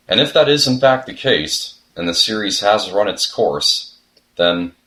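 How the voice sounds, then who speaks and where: A man's voice: lowish voice, fairly bright tone. Earnest young man narrating a video essay. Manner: earnest, reflective, with sudden comic outbursts. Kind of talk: scripted commentary narration.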